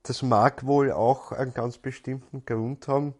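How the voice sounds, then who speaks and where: A man's voice: medium pitch, steady tone, measured pace, husky. A man gives a spiritual lecture in a thoughtful, searching way, often repeating words as he goes.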